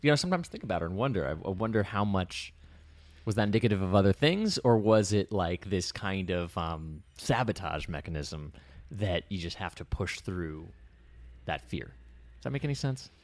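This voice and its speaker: This male podcast co-host and public speaker has a low voice with wide swings in pitch, talking at a normal pace with no room sound. The conversation is relaxed, and he reflects aloud, frequently starting his sentences over as he thinks.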